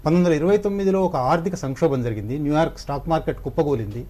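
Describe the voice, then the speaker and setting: Measured man with a slightly high voice. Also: mellow. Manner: measured, lecturing. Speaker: guest scholar. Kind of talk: discussion.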